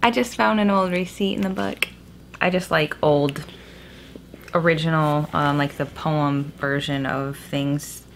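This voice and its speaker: Low-voiced young woman in a cave-like echo. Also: fairly even intonation, a little slow. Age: young adult. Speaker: book haul vlogger. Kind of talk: casual book haul chat. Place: small indoor room at home. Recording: echoey cave-like room, clear background noise.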